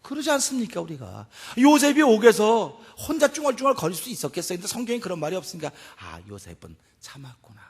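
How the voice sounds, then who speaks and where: A male pastor preaching a sermon, animated, swinging between loud exclamations and hushed asides. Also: sits high, quick pace, hardly any pauses, husky. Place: church sanctuary. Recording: long church hall reverb.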